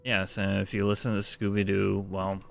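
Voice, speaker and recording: A man's voice: sits low, completely flat delivery, moderate pace, creaky. A man giving casual let's-play commentary as a game streamer, sarcastic and sweary.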